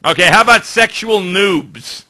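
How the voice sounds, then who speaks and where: Man, English accent, radio host, high bright voice, dry formal wit. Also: expressive, a little slow. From England. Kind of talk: casual radio chat.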